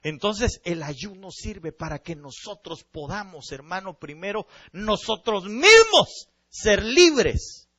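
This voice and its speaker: A male pastor preaching a sermon, animated and often calling out to his listeners. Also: sits high, takes it slowly, muffled recording.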